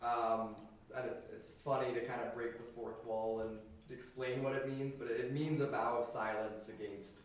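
A man's voice: mid-range voice, level tone, normal speed, hardly any pauses, slight background noise. A man, a band member, explaining things thoughtfully in a casual interview. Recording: echoey room from far off.

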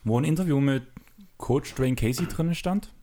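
A man with a medium-pitched voice co-hosts a casual chat podcast. He jokes and teases his partner, and he keeps the talk moving with questions. He is recorded indoors in a room with closed windows. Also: moderate pace, warm tone. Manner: teasing, joking, drives the conversation with questions. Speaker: podcast co-host.

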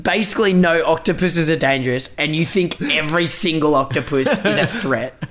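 A man in casual podcast banter with a slightly high-pitched voice. He jokes loosely, swears freely and keeps things light. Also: moderate pace, a bit bright. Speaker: podcast co-host. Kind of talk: casual chat.

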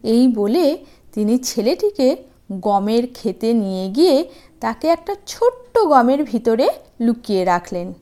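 Lady reading kids stories, sweet sing-song, highish voice, really takes her time. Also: sing-song, measured pace, mellow. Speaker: children's story channel host and narrator. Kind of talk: storytelling for young children.

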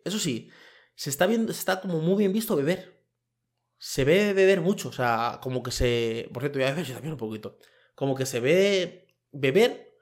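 A man talks into a microphone in a loose, emphatic monologue. His voice sits a touch high for a man. He rambles and circles back on his points in a colloquial way. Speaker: podcast host. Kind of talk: opinion monologue. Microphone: microphone with camera.

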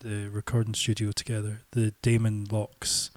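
A man's voice: fairly low pitch, completely flat delivery, moderate pace, no room sound. A man chatting casually as a podcast co-host, hesitant and often circling back to rephrase his thought. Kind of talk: casual chat.

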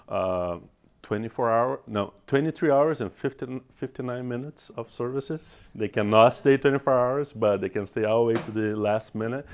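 Heard through a dull, lo-fi recording, a regional director of mental health programs gives a presentation to an audience. He is middle-aged, with a low, gravelly voice and a Brazilian Portuguese accent, and his delivery stumbles along, full of restarts and repeated words.

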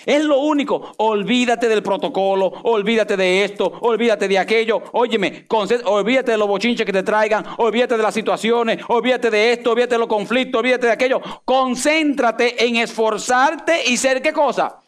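A man's voice: extremely high pitch, normal speed, few pauses. A man preaching a sermon, firing rhetorical questions and answering them himself, acting out the lines he quotes. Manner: dramatic, acts out quoted speech. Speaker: pastor.

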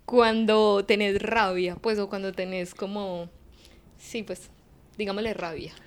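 A woman with a Paisa Colombian accent hosting a casual interview, asking quick, slangy, playful questions. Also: mid-range voice, steady tone, smooth. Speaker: interviewer host.

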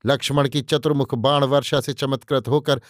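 A man's voice: medium pitch, fairly even intonation, normal speed, dry recording. A man narrating an audiobook in a vivid, declamatory storytelling style, close on the mic. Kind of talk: dramatic scripted narration.

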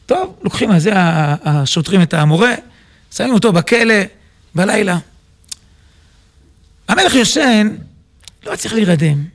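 A man, a rabbi, telling a parable in a lively sermon and acting out its scenes. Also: high-pitched, long pauses. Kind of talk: sermon storytelling.

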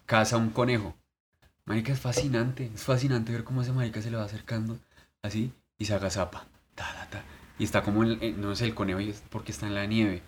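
A fairly low-voiced man, co-hosting a casual podcast chat. He tells stories in a crude, animated way and swears freely. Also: a little hiss or hum. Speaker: podcast co-host.

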